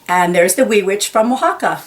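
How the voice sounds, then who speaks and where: With a medium pitch and lively intonation, a woman reads a children's picture book aloud. Her manner is slow and deliberate: she enunciates key words for young listeners, stressing them carefully and explaining them simply.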